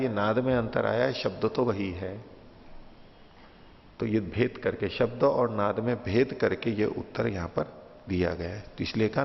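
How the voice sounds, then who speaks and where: A man's voice: mid-range voice, gravelly. A male teacher patiently explaining a philosophical text to a class, taking each point in turn and repeating it with simple examples. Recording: muffled, with long hall reverb.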